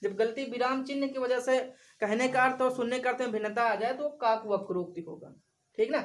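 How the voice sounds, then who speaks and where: A woman's voice: on the high side, fairly quick, poor audio. A woman teaching a grammar lesson for exam preparation, repeating examples and questioning her class.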